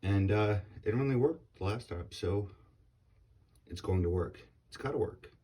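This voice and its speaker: A man in his forties casually narrating a hands-on demonstration in a hesitant, halting way. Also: fairly low pitch, mellow. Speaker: vlogger.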